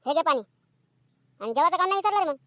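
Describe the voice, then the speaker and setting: A woman voicing a sharp-tongued, nagging village mother in a cartoon comedy. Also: very high voice, lively intonation, no echo, clean studio sound, full character voice. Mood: scolding. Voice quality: nagging, scolding, rapid-fire.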